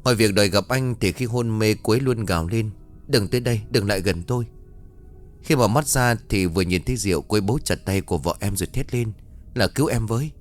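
A man's voice: on the low side, quick pace, soft background music, lightly acted. A man voicing an earnest younger friend of the family who confides worrying news in a ghost story. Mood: confiding.

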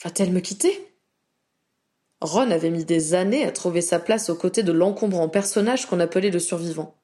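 A woman narrating a fan fiction story aloud in a steady storytelling manner. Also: lowish voice, a little fast.

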